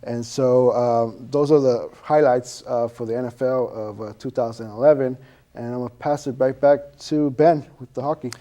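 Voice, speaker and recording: A man's voice: mid-range voice, steady tone, normal speed, dark tone. A man co-hosting a sports show, recapping the football season hesitantly with many fillers.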